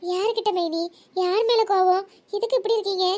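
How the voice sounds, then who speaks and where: A chatty young sister-in-law from a village cartoon, voiced by a woman, with a Tirunelveli Tamil accent. Her voice sits very high and squeaky. She coaxes and teases in a friendly, chatty way. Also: steady tone, fairly quick, a little mellow. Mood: coaxing. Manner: coaxing, teasing. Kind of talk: cartoon comedy voice acting.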